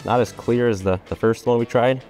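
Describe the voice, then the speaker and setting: A man speaks from inside a welding helmet, giving casual, matter-of-fact remarks as a working welder. His voice has a mellow, relaxed tone at a middle pitch, with soft music faintly underneath. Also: a little fast. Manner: plain, matter-of-fact comments. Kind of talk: casual product testing remarks.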